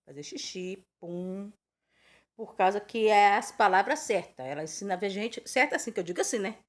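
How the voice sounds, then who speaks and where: A woman's voice: medium pitch, lively intonation, quick pace. A woman in her twenties or thirties from Brazil giving an informal Bible teaching, chatty and rambling, full of rhetorical questions. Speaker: preacher.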